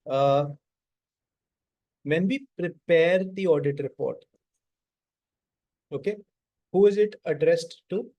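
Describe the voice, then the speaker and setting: A man with a North Indian accent lectures in a relaxed, mellow voice that sits slightly high. He talks to his class informally and conversationally, slipping small Hindi interjections into his English as he explains. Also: slow, long pauses. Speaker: lecturer teaching auditing.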